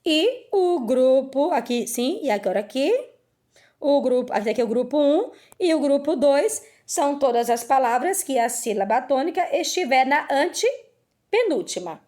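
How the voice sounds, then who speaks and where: A woman teacher with a bright, fairly high voice walks her pupils patiently through a lesson. She often poses questions and then answers them herself, one step at a time. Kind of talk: recorded remote lesson.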